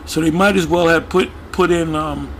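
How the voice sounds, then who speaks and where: A man with a somewhat high-pitched voice gives casual commentary while reading a news web page aloud. He speaks haltingly, with frequent fillers, false starts and repeated words. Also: steady tone, fairly bright tone, a little hiss or hum. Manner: halting, many fillers and restarts, talks through what is on screen. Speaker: religious video commentator.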